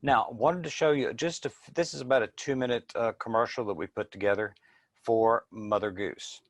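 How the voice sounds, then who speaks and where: A man's voice: mid-range voice, normal speed, dry recording. A man giving an informal sales presentation in a plain-spoken, explanatory way. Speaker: business presenter.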